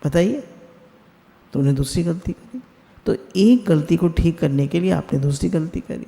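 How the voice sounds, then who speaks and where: Gravelly, warm-toned man giving a spiritual talk. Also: a little high, animated, moderate pace, long reverb tail. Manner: asks the listeners questions, mixes English words into Hindi. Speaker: satsang speaker. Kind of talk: spiritual discourse on a video call. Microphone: video call.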